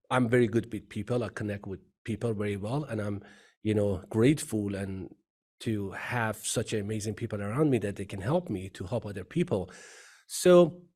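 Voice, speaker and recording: Middle-aged iranian guy being interviewed, earnest, kinda low and mellow voice. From Iran. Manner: earnest, storytelling, repeats phrases. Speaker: guest, company CEO. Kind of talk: interview conversation.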